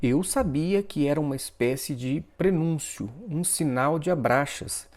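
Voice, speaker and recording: A man narrating a first-person story in an expressive, dramatic way. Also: a little high, measured pace.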